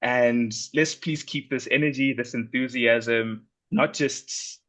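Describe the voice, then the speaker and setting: A man wraps up a webinar over a video call. He sounds earnest and apologetic, pausing and restarting as he goes, at an ordinary pitch for a man. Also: fairly even intonation, a bit bright. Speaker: webinar host. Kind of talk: closing remarks on a video call.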